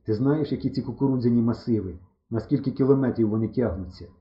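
Чоловік грає впертого сільського хлопчака. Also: male voice, mid-range voice, fast, close to an everyday voice. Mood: hushed, worried. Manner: shouting and bickering. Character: scrappy village boy, bossy and stubborn. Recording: roomy, dull recording.

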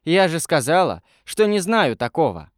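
Элла: мужчина изображает усталую юную волшебницу. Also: male voice, fairly high pitch, sing-song, normal speed, no room sound, studio quality, pitched above the performer's own voice. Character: young girl sorceress, tired but determined.

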